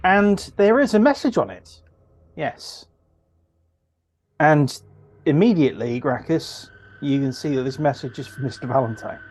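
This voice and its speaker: A man running a tabletop game as game master, describing scenes in a halting, word-searching way. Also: a little high, lively intonation, a little mellow.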